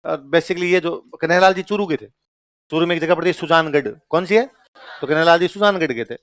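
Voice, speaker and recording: Young rajasthani guy teaching a class, jokey, quizzes the room, smooth clear voice, dry sound. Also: on the high side, fast talker, no echo. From Churu, Rajasthan. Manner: lively, jokey, asks the class questions. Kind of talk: classroom lecture.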